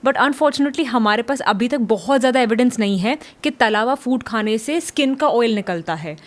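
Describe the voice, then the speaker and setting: Calm advising woman dermatologist. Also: on the high side, moderate pace. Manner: calm, advisory, mixes English terms. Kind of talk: medical explainer.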